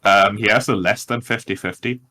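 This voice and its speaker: A man's voice: lowish voice, fairly even intonation, fairly quick, bright, forceful tone. A man running a tabletop game, narrating and giving rulings casually as game master.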